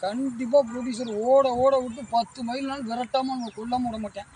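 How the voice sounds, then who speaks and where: A man's voice: very high-pitched, fairly even intonation, brisk, darkish tone. An actor playing an irritable man who scolds his foolish helper in a village web series comedy. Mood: exasperated. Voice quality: scolding, exasperated elder-brother manner. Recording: outdoor recording with clear background noise.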